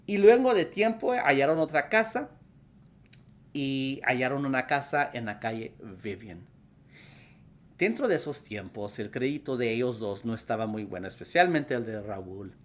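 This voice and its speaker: A woman pastor and host recounts a testimony, her pitch rising and falling widely as she steps into each quoted speaker. She tells it with a storyteller's animation. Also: animated, normal speed.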